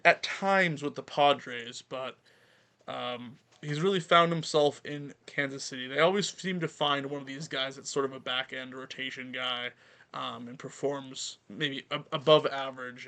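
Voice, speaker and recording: A man's voice: mid-range voice, sharp tone. A young man co-hosting a baseball podcast, chatting casually, reeling off stats and poking fun at himself. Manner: chatty, self-deprecating, rattles off stats. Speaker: podcast co-host. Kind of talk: casual sports podcast chat.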